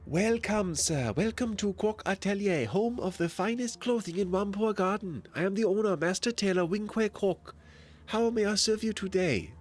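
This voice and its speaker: A man voicing an overly smooth, polished male master tailor with silky, formal shopkeeper politeness. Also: high voice, normal speed, pitched above the performer's own voice. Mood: suave. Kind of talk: reading game dialogue aloud on a stream.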